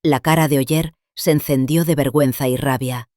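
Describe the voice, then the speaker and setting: Calm older woman narrating a story. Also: low voice, brisk, no echo, studio quality. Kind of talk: scripted first-person story narration.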